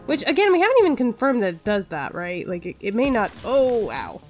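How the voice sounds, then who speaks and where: Woman, let's play host, casual chatter, self-mocking, lively high voice. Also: a little fast, faint music behind. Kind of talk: casual gameplay commentary.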